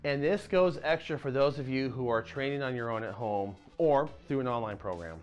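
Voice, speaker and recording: A man in his thirties, mid-pitched, explains to camera with animated gestures and the odd casual aside. He is close on a lapel mic in a dim indoor room. Faint music plays quietly underneath. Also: moderate pace, lo-fi sound. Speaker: martial arts channel host.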